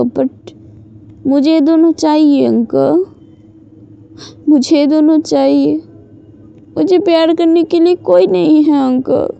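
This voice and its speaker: A woman's voice: a little high, mellow, dull audio. A woman voicing a lonely, pregnant young woman who pleads tearfully for help, in a storybook reading.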